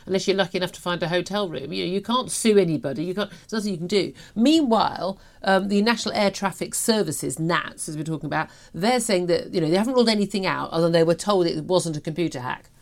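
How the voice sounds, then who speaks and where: A British woman in her fifties hosts a talk show, going through the news in a chatty, emphatic, opinionated way. Her lowish voice moves fast with few pauses.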